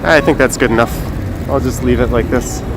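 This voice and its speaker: A man chats casually and haltingly on a live stream, speaking through a face mask. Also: mid-range voice. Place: outdoors in a windy downtown city square. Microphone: phone on a gimbal. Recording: noisy windy city street, traffic.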